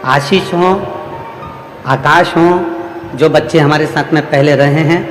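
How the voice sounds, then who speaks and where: A man preaches a devotional religious discourse to a large gathering in an echoey hall with long reverb, with soft music in the background. His voice is a little high and steady, unhurried, and his phrasing is repetitive, rhythmic, and emphatic.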